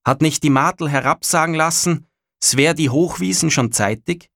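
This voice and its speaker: A man's voice: on the high side, moderate pace, creaky, fairly bright tone, no echo, clean studio sound, voice pushed up. A man doing a blunt young farm son. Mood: stubborn. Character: lazy strapping young farmhand son, stubborn.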